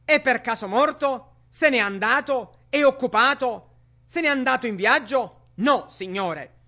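A man's voice: extremely high pitch, measured pace, sharp tone. A man preaching a sermon with emphatic rhetorical questions to the congregation. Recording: dull lo-fi sermon recording.

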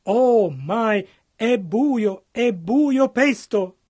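A man with a strikingly high voice for a man interprets a sermon, phrasing closely and earnestly in short bursts between the preacher's lines. He sounds animated and a little mellow, drawing out his words.

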